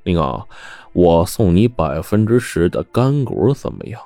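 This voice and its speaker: A sly, ruthless mine boss who wheedles and gloats, his voice rising and falling a lot, as a man puts him on in a told story. The tone is dark and mellow, and the recording is dry and close with faint music underneath. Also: deep voice, very animated, moderate pace, dry recording. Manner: oily, smug and wheedling. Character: scheming, ruthless middle-aged male mine boss.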